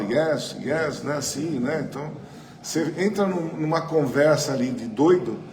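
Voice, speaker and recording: A man with a Brazilian Portuguese accent leading a spiritual study group, talking conversationally into a microphone and often asking the room questions. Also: a little high. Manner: chatty, asks the audience questions, frequent tag questions. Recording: roomy hall with faint noise.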